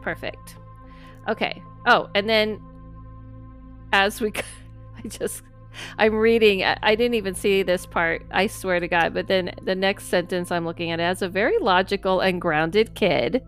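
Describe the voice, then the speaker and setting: Chatting easily with a guest, a podcast host laughs often and keeps affirming what they say in this casual interview. Her voice is medium in pitch, a bit bright and a little slow, set against soft background music.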